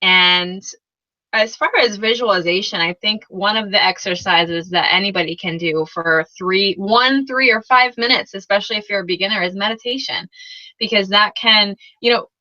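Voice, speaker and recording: A woman's voice: mid-range voice, moderate pace, bright, forceful tone, no room sound, dull audio. A woman co-hosting a personal development hangout, chatty and upbeat, laughing often. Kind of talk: casual chat.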